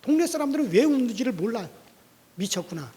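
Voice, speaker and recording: Man, pastor, lively sermon delivery, wide-swinging pitch, long hall reverb. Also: normal speed. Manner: animated preaching, questions to the congregation. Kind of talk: dawn prayer sermon.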